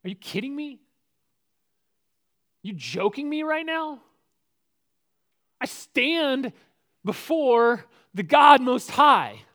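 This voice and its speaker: A man's voice: very high voice, expressive, slow, pauses often, sharp tone, voice pushed up, exaggerated voice. A man voicing an indignant male archangel who proclaims his standing with rising disbelief.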